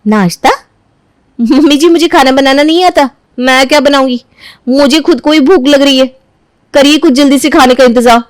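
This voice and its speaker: A woman voicing a spoiled, rude young bride who complains sarcastically in an animated family drama. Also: high voice, moderate pace, dry recording, voice pushed up, lightly acted. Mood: demanding.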